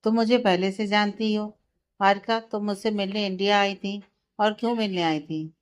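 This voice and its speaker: A woman's voice: medium pitch, fairly even intonation, normal speed, lightly acted. A woman voicing a serious young male lawyer. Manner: firm, restrained irritation.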